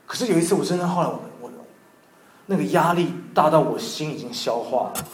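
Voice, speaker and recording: A man with a fairly high voice delivers a sermon woven with his own testimony. He moves between loud, excited emphasis and quiet, tender prayer. The sound is roomy and a little distant from the microphone. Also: brisk. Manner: animated, swings between loud emphasis and soft intimate prayer, mixes in English words. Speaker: pastor. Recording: echoey room from some distance.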